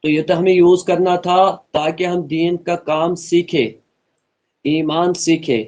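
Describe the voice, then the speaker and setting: A man's voice: a little high, steady tone, a little mellow. Earnest man teaching Quran recitation. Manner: earnest, repeats points and models slow melodic recitation. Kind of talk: online tajweed lesson, explaining and slowly reciting.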